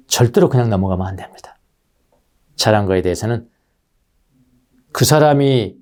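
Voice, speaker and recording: Male pastor, Sunday sermon; mellow, warm voice that swings widely in pitch; talks straight to the pews. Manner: animated preaching, addresses the congregation directly. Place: church sanctuary.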